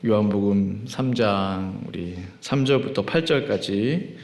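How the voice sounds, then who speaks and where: A man leading worship as pastor, reading scripture in a drawn-out chant, praying with fervent pleading, and preaching in a conversational way that asks the congregation questions. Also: on the low side, a little mellow. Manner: rising, fervent pleading in prayer. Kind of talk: sermon with scripture reading and prayer. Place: church sanctuary. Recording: echoey church hall with long reverb.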